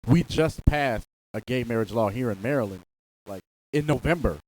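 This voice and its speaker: A man's voice: medium pitch, animated, moderate pace, darkish tone, low-quality recording. A man hosting a radio interview in a casual, conversational style, responding to his guest and asking questions.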